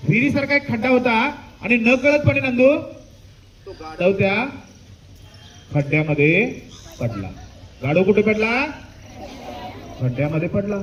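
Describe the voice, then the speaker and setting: A man's voice: very high voice, highs cut off. A man narrating a children's story, asking his listeners questions and answering them himself while repeating key words.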